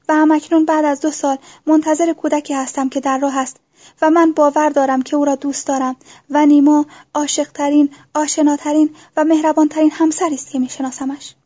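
A woman narrates a novel in the first person, her voice high and mellow. She keeps a calm, even delivery with a narrow pitch range. The recording sounds dull and lo-fi. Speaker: audiobook narrator.

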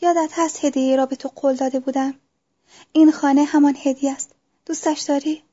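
A devoted young man in love, as a woman reads him aloud from a storybook. The voice is high and mellow, with little rise and fall, and is soft and earnest. The recording sounds dull and lo-fi. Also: fairly even intonation, lightly acted. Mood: tender.

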